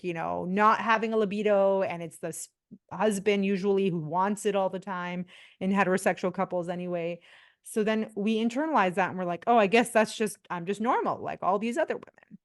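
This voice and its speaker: Speaking at normal speed in a mid-range voice, this Indian pelvic physiotherapist in her forties is a chatty podcast guest in a casual interview, often restarting sentences and using fillers.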